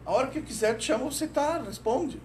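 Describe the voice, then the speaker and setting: A man's voice: very high voice, expressive, quick pace, slight background noise, voice pushed up. A man quoting his grown son, who sounds offhand and matter-of-fact, recorded from afar in an echoey room. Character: young adult son, casual and unbothered. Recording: roomy, distant lecture recording.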